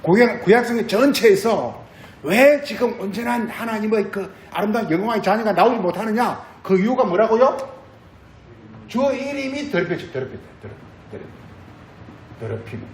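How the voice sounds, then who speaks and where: High, lively-voiced pastor preaching. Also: male voice, moderate pace, echoey room, slight background noise, poor audio. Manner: repetitive, asks the congregation questions. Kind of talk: sermon.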